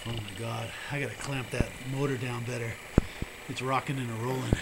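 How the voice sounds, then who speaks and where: A man explains his homemade contraption in a casual, halting way, full of "uh"s and restarts. His voice sits at an ordinary middle pitch. The handheld camera mic picks up clear background noise and clicks. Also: little pitch movement. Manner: halting, thinking aloud with fillers and restarts. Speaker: hobby builder demonstrating a prototype. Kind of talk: casual home-video demo.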